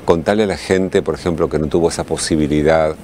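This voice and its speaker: A man's voice: extremely low pitch, steady tone, fast, darkish tone, slight background noise. A man with an Argentine accent interviewing a guest, asking playful, teasing questions. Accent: Argentine Spanish. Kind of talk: casual interview chat.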